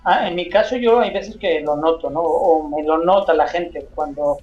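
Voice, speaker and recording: A man's voice: a little high, moderate pace, highs cut off, faint music behind. A man from Spain, co-hosting a radio talk show and chatting in a casual, thinking-aloud way. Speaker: radio co-host.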